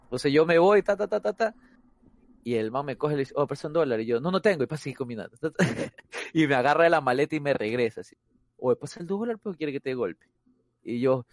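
Chatting casually with friends, a man tells a story in a slightly high voice with lively intonation and a quick pace. He repeats words to keep the floor and laughs between phrases. The recording is dry and close, with no room sound.

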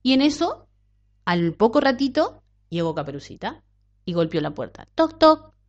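Woman storyteller, children's tale, playful, pitch swooping up and down, dull lo-fi recording. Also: normal speed. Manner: expressive, animated, playful.

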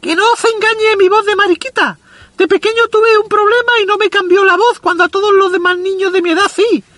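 A man playing a foul-mouthed, self-proclaimed macho with a squeaky, effeminate, boyish voice, rambling through a comic monologue. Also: steady tone, a little fast, bright, forceful tone, no room sound. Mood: rambling, boastful. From Andalusia, Spain. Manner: crude, rambling anecdotal delivery.

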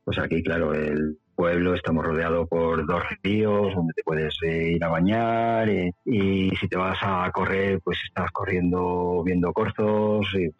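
Here the Madrid-born interview guest, a middle-aged rural mountain dweller with a central Spanish accent, tells stories from his life in a relaxed, conversational way. He speaks low and steady at a measured pace, pausing little, with no room sound. Faint music plays beneath the dull lo-fi recording.

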